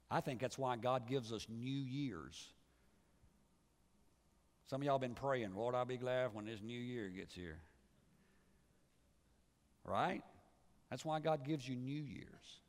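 A pastor preaches with a mid-range male voice. He pushes up into loud, high calls, then drops to low, soft closing lines. The sound rings with the long reverb of a large church hall. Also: expressive, slow, long pauses. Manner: preaching with big swings between loud calls and low, quiet closes. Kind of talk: sermon.

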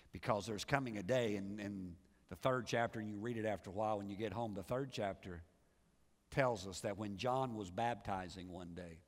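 A pastor preaching a sermon, swinging from loud rising calls to low, quiet endings. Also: male voice. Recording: church sermon with long reverb.

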